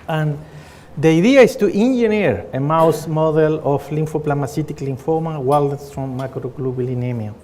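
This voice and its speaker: A middle-aged Chilean man with a Chilean Spanish accent earnestly presents his research at a conference, pausing often on fillers and restarting. His mellow voice is a little high for a man, and a long reverb trails his words around the hall.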